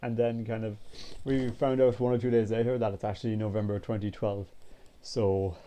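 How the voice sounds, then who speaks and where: This twenty-something vlogger has a lowish voice and talks at a normal speed, sounding stuffed-up and sniffly. His casual chat wanders, laid-back and sprinkled with swearing.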